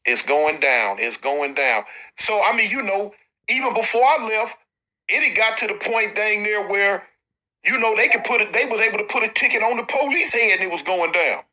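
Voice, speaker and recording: High-pitched Alabama-accented man, very bright voice. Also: animated, normal speed, low-quality recording. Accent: Alabama Southern US. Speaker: interviewer, former inmate. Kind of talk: casual, slangy interview.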